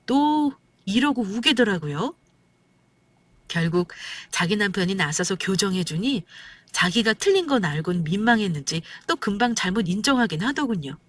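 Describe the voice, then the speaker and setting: Calm woman narrating a story. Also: medium pitch, moderate pace. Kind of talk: scripted first-person story narration.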